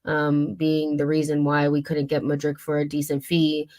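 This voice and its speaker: A young woman hosts a casual football livestream, her voice low and hoarse from a cold. She talks loosely, full of fillers, side remarks and quick restarts. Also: completely flat delivery, a little mellow. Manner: chatty, many fillers and asides. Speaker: football channel host.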